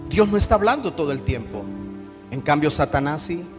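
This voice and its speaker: A man with a Colombian accent, a pastor preaching a sermon with call-and-response and shouted peaks. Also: a little high, expressive, brisk. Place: church hall. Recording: echoey church hall with music.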